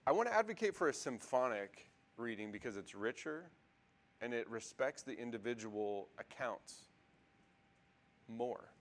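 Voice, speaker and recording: A man with a medium-pitched, expressive voice teaches a Bible class at an unhurried pace. The lecture is casual and conversational, full of ums and restarts, and he keeps asking the class questions.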